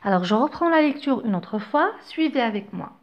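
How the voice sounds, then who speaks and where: A woman teaching a reading lesson to young children, reading slowly and articulating each word with care. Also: fairly high pitch, lively intonation, dull audio. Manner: slow, careful, over-articulated reading. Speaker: French teacher.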